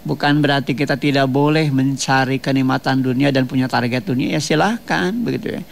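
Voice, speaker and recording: Gravelly-voiced man preaching a radio sermon. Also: medium pitch. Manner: measured, explanatory, repeats phrases with tag questions. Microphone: radio studio microphone.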